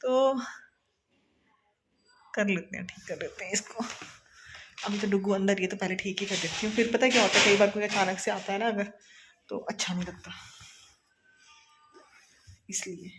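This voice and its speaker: A chatty mother in her thirties talks casually at home in a mid-pitched voice, slipping English words into her sentences. A faint hiss of household noise sits behind her. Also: normal speed, long pauses. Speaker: mother and vlogger. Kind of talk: casual home vlog chat. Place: home living room.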